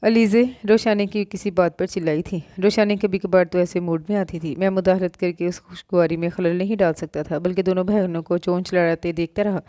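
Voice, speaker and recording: Low-voiced woman reading a novel. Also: steady tone, a little fast, hardly any pauses, warm tone, no room sound, clean studio sound. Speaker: novel narrator. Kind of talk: audiobook reading of a romance novel.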